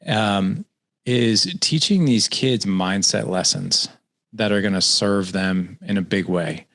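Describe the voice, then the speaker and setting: This forties-aged podcast host has a lowish voice and takes a slow pace. His interview style is casual and energetic, full of repeated words and leading questions.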